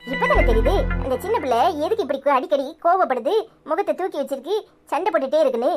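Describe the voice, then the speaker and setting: A woman's voice: sits high, animated, quick pace, over loud music. A woman voicing an outspoken scolding village woman, Tirunelveli accent. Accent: Tirunelveli Tamil. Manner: indignant, lecturing. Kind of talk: cartoon voice acting.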